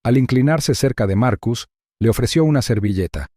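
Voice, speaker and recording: A man giving measured, suspenseful scripted narration of a thriller story. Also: mid-range voice, expressive, mellow, no echo.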